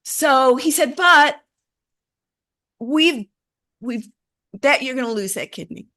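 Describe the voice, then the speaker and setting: A middle-aged woman telling a personal story as an interview guest, animated and acting out the voices of people she quotes. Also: sits high, slow pace.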